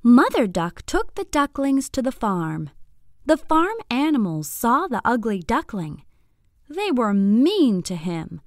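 Telling a scripted bedtime story to young kids, this woman speaks with expression, care and clear phrasing. Her voice is fairly high, captured dry in a clean studio.

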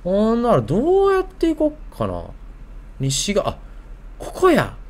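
A man's voice: sits high, huge pitch swings, a little slow. A man with a Kansai Japanese accent doing casual video game commentary, thinking aloud in short muttered questions.

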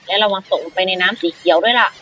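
Man, bright voice, excitable game commentary, playful role-play, makes his own jump sounds. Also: sits high, racing, dull audio, slight background noise. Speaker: gaming channel host.

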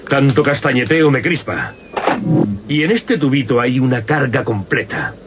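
A man's voice: mid-range voice, moderate pace, heavy background noise, lightly acted. A man voicing a cocky young robot cheetah hero, brash and wisecracking, with a Castilian Spanish accent in a cartoon dub. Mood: cocky, taunting. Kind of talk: cartoon dubbing.

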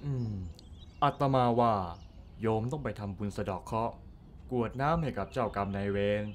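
A man playing a calm, kindly senior Buddhist monk in a radio drama. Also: fairly low pitch, moderate pace, a little hiss or hum, natural voice. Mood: calm, counselling.

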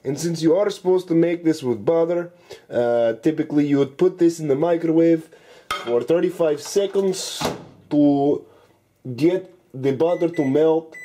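A man's voice: fairly high pitch, a little slow, dark tone, slight background noise, natural voice, low-quality recording. A man doing a put-on Russian accent as a joking farm-boy cook while hosting a cooking tutorial, dropping articles and swearing casually. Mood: deadpan joking. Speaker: cooking show host.

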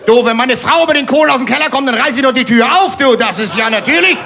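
Hamburg-accented guy cracking one-liners, really high voice, noisy crowd and hiss behind. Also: fast, creaky, sharp tone. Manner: punchy one-liners, keeps calling the crowd "Freunde" and "du". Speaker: stand-up comedian. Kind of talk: rapid-fire joke stand-up. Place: live stage before a laughing audience. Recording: TV show stage recording with crowd noise.

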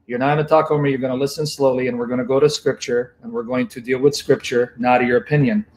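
A man's voice: mid-range voice, steady tone, fast, a little mellow, low-quality recording. A man hosting a heated call-in debate, impatient and domineering, repeating his questions and cutting in. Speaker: debate host.

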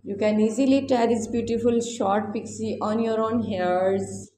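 A woman's voice: fairly high pitch, fairly even intonation, unhurried, mellow. A woman doing an effusive, repetitive voice-over as a YouTube host. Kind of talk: casual scripted-style video voice-over with repeated phrases. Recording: roomy echo, faint background noise.

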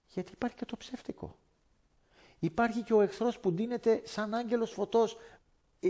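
A man from Greece giving a personal faith testimony as a guest speaker, animated and acting out conversations. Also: high-pitched, gravelly. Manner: animated, acts out dialogue in voices.

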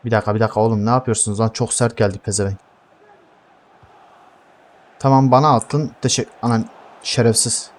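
A man's voice: fairly low pitch, steady tone, brisk, long pauses. Hot-headed swearing gamer man. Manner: heated, swears constantly, yells at teammates. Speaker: gaming streamer. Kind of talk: swearing live gameplay commentary.

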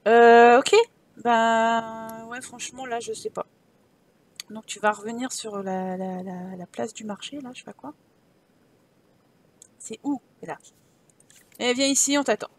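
A woman gives casual commentary on a medieval life-sim game, chatty and joking as she thinks aloud. Her voice sits high and light. She talks to her sims and her viewers in a relaxed, off-the-cuff way. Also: a little slow, pauses often. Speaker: gaming channel host.

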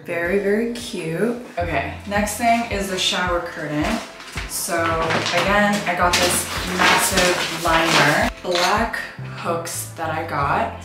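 Taking it slowly, a woman with a lowish voice vlogs casually, thinking aloud as she does tasks. The setting is an empty apartment and small tiled bathroom indoors, and the empty rooms echo over background music.

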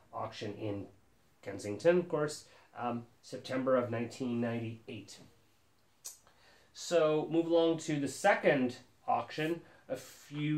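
A man's voice: mid-range voice, reverberant. A man in his forties hosting a casual collector vlog at home, enthusiastic and rambling with plenty of fillers. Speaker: collector channel host. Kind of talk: casual show-and-tell vlog. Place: living room with a lit holiday tree, indoors.

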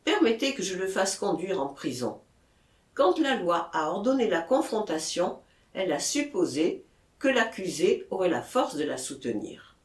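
A woman reading an audiobook, voicing a kindly mayor who speaks with calm, gentle authority. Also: high voice, normal speed, distant mic. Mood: grave. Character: kindly, measured older male mayor. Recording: echoey room.

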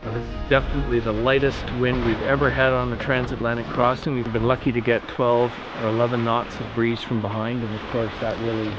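A middle-aged man hosting a sailing show, calmly explaining conditions aboard a catamaran. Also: mid-range voice, brisk, few pauses, highs cut off, music in the background. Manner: calm, informative. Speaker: host. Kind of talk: narration to camera. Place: catamaran deck at sea, outdoors.

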